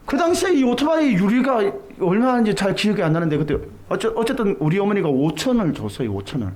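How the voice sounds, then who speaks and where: A man's voice: sits high, quick pace. A middle-aged man from Korea preaching a sermon, telling a childhood story and acting out the voices in it. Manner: animated storytelling, acts out quoted voices. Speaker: pastor.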